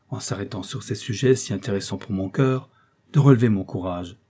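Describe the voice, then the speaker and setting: A man reading a classic novel aloud as scripted narration, measured, with dialogue voiced more intensely. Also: lowish voice, dark tone. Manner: measured, rising into emotional outbursts in dialogue. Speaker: audiobook reader.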